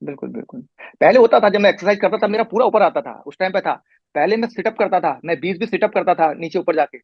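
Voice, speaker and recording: A man's voice: high-pitched, expressive, quick pace, slightly rough, no echo. A middle-aged man talking as a patient in a casual conversation, giving a long, detailed account with frequent restarts. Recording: muffled lo-fi recording.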